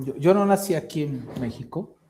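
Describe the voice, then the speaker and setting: A man from Colombia giving academic feedback on a thesis presentation, halting and repeating words as he thinks, on a video call. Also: fairly high pitch, expressive, dark tone, a little hiss or hum. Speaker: thesis committee member.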